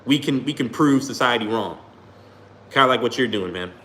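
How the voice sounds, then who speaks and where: A small YouTuber rambles casually to his livestream chat, leaning on "you know what I'm saying" and "you feel me." His mid-range voice is bright and forceful at a moderate pace, with a roomy echo and a faint hum in the background.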